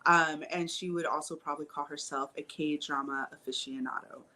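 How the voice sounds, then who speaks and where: A woman's voice: low voice, steady tone, moderate pace, slight background noise. A woman co-hosting a podcast, chatting casually and laughing as she tells stories. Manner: warm storytelling, frequent laughs. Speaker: podcast co-host.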